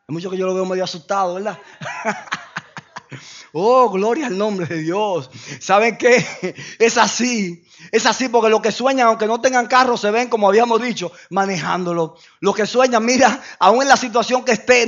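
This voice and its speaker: A male pastor preaching a sermon, swinging between shouted declarations and low, hushed storytelling. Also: muffled recording.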